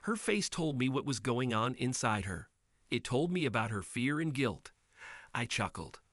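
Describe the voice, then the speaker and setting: A man reading a first-person story as scripted narration, in an even, measured way. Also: medium pitch, no echo, clean studio sound.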